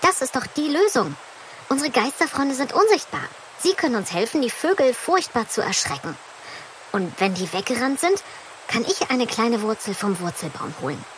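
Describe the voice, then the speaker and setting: Kids' audio story: woman voicing a bright young hero, animated and fairly high, faint hiss behind. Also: moderate pace, rough recording. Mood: lively. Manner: lively, resourceful, urgent. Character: clever, plucky young flying hero. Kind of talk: children's audio story acting.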